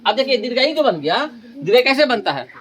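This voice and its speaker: A man's voice: extremely high pitch, very animated, brisk, a bit bright, husky. A man teaching a grammar lesson in a classroom style, asking questions and then answering them himself, and repeating key terms.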